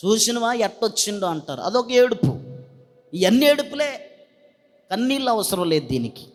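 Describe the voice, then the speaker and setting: A man's voice: high-pitched, big pitch swings, moderate pace, long reverb tail. A male pastor, preaching emphatically with repeated refrains and calling on the congregation to answer. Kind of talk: sermon.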